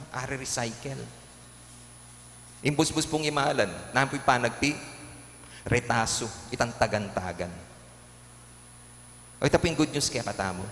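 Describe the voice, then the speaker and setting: A priest with a Kapampangan accent preaching a homily at Mass, animatedly acting out quotes and jokes. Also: male voice, mid-range voice, fairly bright tone. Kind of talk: homily in a live-streamed Mass. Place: large church. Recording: echoey church with long reverb, faint hum.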